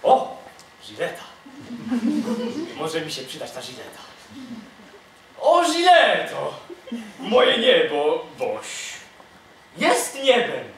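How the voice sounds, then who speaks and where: A student actor playing a secretive, loyal servant disguised as a gardener, recorded from far off on an echoey stage. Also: male voice, a little high, wildly swooping pitch, slow pace, long pauses, fairly bright tone, full character voice. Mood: musing. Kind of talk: stage comedy acting.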